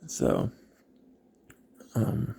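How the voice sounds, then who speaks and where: A man telling his personal story in a halting, reflective way, with many pauses. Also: mellow. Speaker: vlogger.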